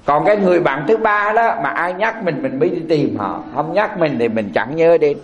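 Monk preaching in a hall. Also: male voice, on the high side, animated, moderate pace, dull audio. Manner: rhetorical questions, asking the audience back. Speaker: Buddhist monk. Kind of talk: sermon with folksy storytelling. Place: temple hall. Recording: echoey hall.

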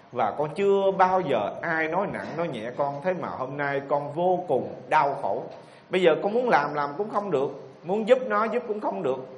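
A worn-down elderly mother-in-law tells her sorrows plaintively, in a lilt, as a man reads her words in his own fairly high voice. The sound carries a long reverb from an echoey hall, with faint ambience behind it. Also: a little hiss or hum, lightly acted. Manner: plaintive first-person telling.

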